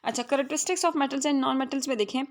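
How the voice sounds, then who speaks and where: Pakistani woman teaching chemistry, gravelly edge. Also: high-pitched. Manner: explains in Hindi-Urdu, reads English definitions slowly, checks with "theek hai". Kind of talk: classroom revision lesson.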